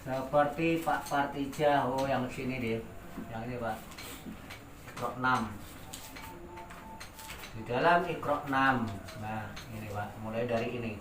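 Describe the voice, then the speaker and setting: A man's voice: mid-range voice, sharp tone. A man with an Indonesian accent teaching Quran recitation rules to adult pupils, drawing out syllables and repeating words for them to copy. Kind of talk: informal tajwid lesson. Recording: echoey room, distant mic, faint ambient noise.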